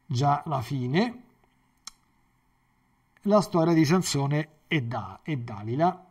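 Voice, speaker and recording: A man, a priest giving a Bible catechesis, who talks in a digressive, halting way and often repeats words and restarts. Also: fairly high pitch, lively intonation, darkish tone.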